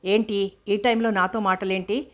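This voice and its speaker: A woman's voice: mid-range voice, fairly even intonation, normal speed, lightly acted. A woman voicing an irritable young film actress who talks in curt, scolding lines. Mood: irritated.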